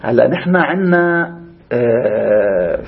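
A man's voice: medium pitch, animated, takes it slowly, vocal fry, dull audio. A man with a Levantine Arabic accent teaching a religious class informally, explaining animatedly and shifting between classical and colloquial speech. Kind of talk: informal lecture with discussion.

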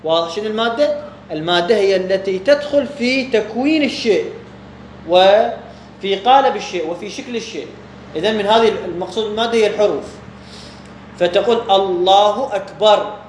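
A man with an Iraqi Arabic accent teaching a religious text, asking questions and answering them himself. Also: high voice. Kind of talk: explaining a jurisprudence text to students. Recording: echoey room with faint background hum.

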